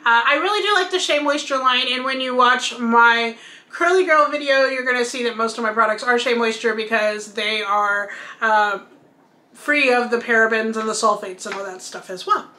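Bright, chatty woman beauty vlogger. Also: on the high side, moderate pace, echoey room. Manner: chatty, explains while showing products. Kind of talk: casual product review. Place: bedroom at home, indoors.

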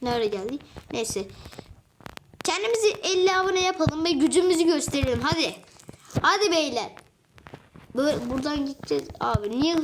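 A high-pitched woman gives excitable, casual game commentary, bursting into exasperated strings of repeated words. She records at home at her computer. The recording has a clearly audible noise bed with faint clicks behind her. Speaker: gaming channel host.

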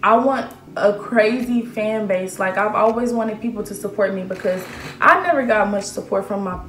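A woman's voice: mid-range voice, moderate pace, reverberant, faint music behind. A nineteen-year-old woman chatting to camera in a casual Q&A vlog, self-assured and full of fillers. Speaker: aspiring model vlogger. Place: small room indoors.

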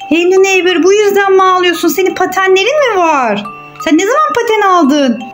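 A mother narrating toy play in an animated way, urging and hurrying along with excited calls. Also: very high-pitched, a little fast. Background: music.

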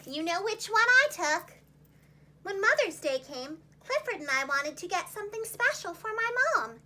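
A young woman gives small children an animated read-aloud at a moderate pace, sounding like a preschool teacher, her very high voice moving widely through pitches with expressive, dramatic delivery. She's seated in a small room against a plain wall, with a faint hum of noise audible.

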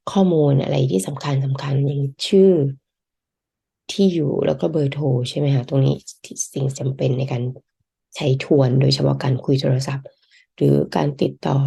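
A woman's voice: deep voice, vocal fry, warm tone, breathy edge. A woman hosting a podcast language lesson, explaining phrases one by one and translating them. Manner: reads Japanese phrases, then translates and explains them slowly. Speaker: Japanese language teacher. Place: lives in Japan.

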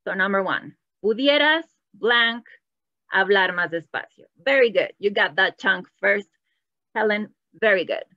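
A woman's voice: medium pitch, lively intonation, takes it slowly, no echo, highs cut off. A woman teaching an online Spanish class, patient and encouraging, moving between English and Spanish as she praises students. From Latin America. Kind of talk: bilingual online language lesson.

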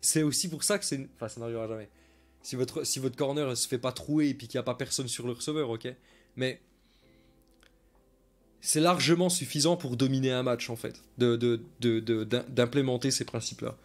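A man's voice: mid-range voice, fairly even intonation, brisk. A man, coaching live as he breaks down football game film for viewers, chatty and casual, repeating his points and reading out viewer comments.

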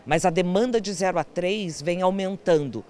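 A woman's voice: fairly low pitch, moderate pace, darkish tone, slight background noise. A woman giving an explanatory interview soundbite into a handheld mic in an auditorium. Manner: explanatory, with "né" tags.

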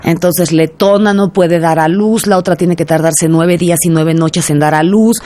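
A woman, a guest expert on a radio interview, explaining in a lively, teacherly way and speaking directly to listeners. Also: fairly low pitch, moderate pace, slight background noise.

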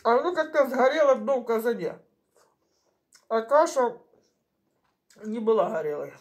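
A middle-aged woman chatting casually in short phrases with pauses as she eats, chewing while she talks, recorded in a home kitchen. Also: fairly high pitch, big pitch swings. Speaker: mukbang vlogger. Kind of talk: casual chat while eating. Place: small home kitchen, indoors. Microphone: camera on the table at arm's length.

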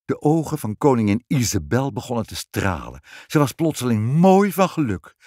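A man with a Dutch accent reading a fairy tale aloud, his pitch rising and falling with animation. His voice is at a middling pitch for a man. The recording is close and dry. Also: moderate pace, no echo. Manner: expressive, animated. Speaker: narrator. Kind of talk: storybook reading.

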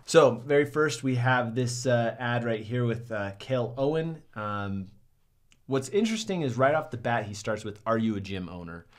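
A man's voice: medium pitch, expressive, normal speed. A young man sitting at a desk in a small studio, casually critiquing ads to the camera in an upbeat way, with lots of "um"s. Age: young adult. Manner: upbeat, many "um"s and "right?". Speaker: marketing reviewer.

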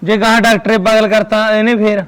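A man's voice: sits high, flat delivery, brisk, a bit bright, smooth. A man playing a son who complains about his mother's behaviour. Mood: indignant. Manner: agitated, complaining. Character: indignant young son, annoyed with his mother. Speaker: son in a comedy sketch. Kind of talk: comic village drama.

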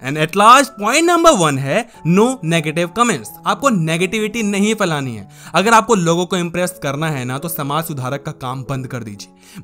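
A man with a high, pushed, bright voice gives casual self-help advice in Hindi straight to the camera. Chatty and direct, he calls the listener "brother" and mimics other people as he talks.

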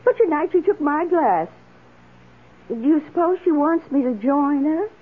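In a muffled, lo-fi old-time radio drama, an actress plays an eager, emotional woman houseguest, her delivery earnest and dramatic. Her voice sits high and moves in an animated, unhurried way. She sounds anxious and remorseful.

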